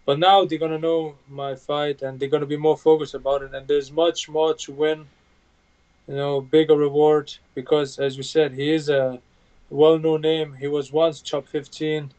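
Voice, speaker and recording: A man from Bosnia, a native Bosnian speaker, speaks in a steady, flat tone. His answers stop and restart around fillers. The sound is dull and lo-fi, like webcam audio from a room at home. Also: fairly high pitch. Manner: plain halting speech with many fillers. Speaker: UFC fighter guest. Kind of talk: video call interview. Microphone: video call webcam. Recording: dull lo-fi video call audio.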